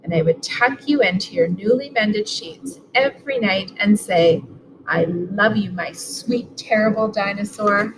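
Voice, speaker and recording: A school superintendent reads a picture book aloud indoors from the sofa in her living room. She speaks at an unhurried pace in a medium-pitched voice, with music and a noisy background behind her.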